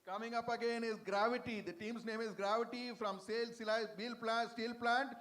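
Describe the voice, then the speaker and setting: A man's voice: extremely high pitch, fairly even intonation, moderate pace, fairly bright tone. A man with an Indian English accent reading out award winners at a convention, stumbling now and then on team names. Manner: plain reading of names, stumbles on hard ones. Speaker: award ceremony announcer. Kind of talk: award announcements. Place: convention hall stage.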